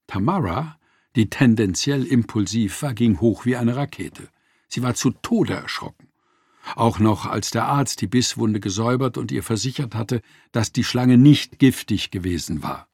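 A man narrating a nonfiction audiobook in a lively, expressive reading style. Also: medium pitch, unhurried, slightly rough, dry recording, clean studio sound.

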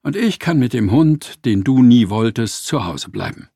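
A man's voice: medium pitch, big pitch swings, normal speed, vocal fry, warm tone, husky, no echo, clean studio sound, full character voice. Man reading a tearful, reproachful wife. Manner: plaintive, reproachful. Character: upset young wife near tears.

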